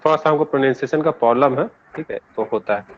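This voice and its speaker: A man's voice: medium pitch, fast, a little hiss or hum. A man with an Indian accent teaching an English grammar lesson to students. He explains patiently, switches between languages and asks the class for answers. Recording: dull lo-fi classroom recording.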